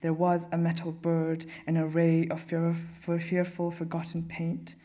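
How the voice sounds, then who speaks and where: A young man reading his own poems aloud at a live event, modest and soft-spoken, with a measured delivery. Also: on the high side, monotone. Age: young adult. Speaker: young poet.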